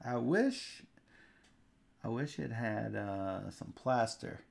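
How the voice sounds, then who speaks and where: A middle-aged man in casual game-table chat. His pitch moves around in a lively way, and there is a noticeable creak in his voice. He takes his time as he talks through his turns. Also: takes it slowly. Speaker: board game player. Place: indoor room at a game table.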